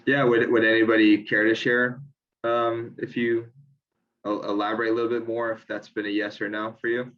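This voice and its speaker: A man's voice: fairly low pitch, completely flat delivery, normal speed, highs cut off. Hesitant man moderating a webinar. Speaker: discussion moderator. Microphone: video call.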